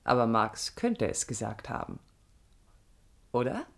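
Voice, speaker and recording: Heavily acted, with a very deep, very animated voice, a little slow and touched with vocal fry, an actress leads a 1980s East German radio drama as first-person narrator. She plays an idealistic young architect, reflective yet stubborn and defiant. Her introspective monologue is defiant, intimate, thoughtful and earnest, occasionally dropping nearly to a whisper.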